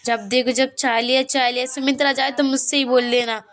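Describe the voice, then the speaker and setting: A sharp-tongued, lazy young daughter-in-law from a village cartoon, rattling off quick, scolding retorts, as a woman voices her. Her voice sits fairly high and sounds curt. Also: steady tone, lightly acted. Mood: irritated. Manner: snappish, fast and scolding.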